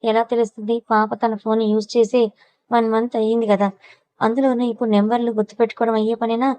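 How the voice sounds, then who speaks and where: A woman's voice: a little high, flat delivery, quick pace, dark tone, no room sound, low-quality recording. A woman narrating a serialized audiobook story with a Telugu accent, reading every character's lines with little change of voice.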